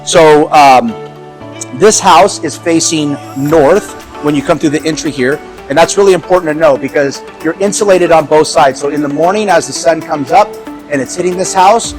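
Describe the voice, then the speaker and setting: A man's voice: a little high, moderate pace, soft background music, poor audio. A man giving a casual house tour as a real estate agent, chatty and upbeat with lots of fillers and easy laughs. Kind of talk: casual walkthrough commentary. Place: inside a large house.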